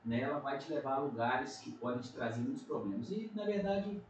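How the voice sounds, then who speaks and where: A middle-aged man, a Brazilian pastor with a Minas Gerais accent, talks a little fast in a mid-range voice while giving an earnest testimony on a casual podcast. He uses frequent tag questions, and the recording has an echoey room, a distant mic, and faint noise.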